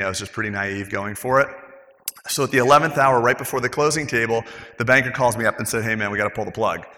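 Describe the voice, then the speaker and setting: A middle-aged man with a low, bright and forceful voice tells a candid personal story. He swears freely. The sound carries a long hall reverb. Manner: candid, emotional, swears casually. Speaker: dentist, practice owner. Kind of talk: personal story told to a group.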